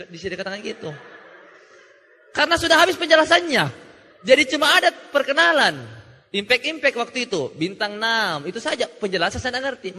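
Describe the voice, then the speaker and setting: A young man telling a joking, animated story at a motivational seminar, acting out the voices of people he quotes. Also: very high voice. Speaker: motivational speaker. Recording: reverberant hall.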